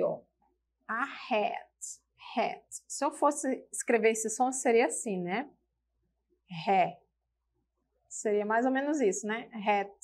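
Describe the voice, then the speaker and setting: A woman with a Brazilian Portuguese accent giving a televised English lesson, slowly repeating example words and checking in with her students. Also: fairly high pitch. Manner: slow, patient, repeats example words aloud; checks in with tag questions. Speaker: English teacher.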